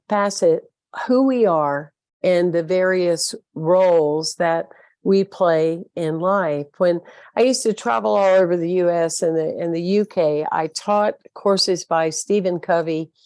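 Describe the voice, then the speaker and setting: A woman's voice: lowish voice, a little mellow, no echo. A woman with a Southern American accent giving an earnest, uplifting inspirational talk as a spiritual speaker.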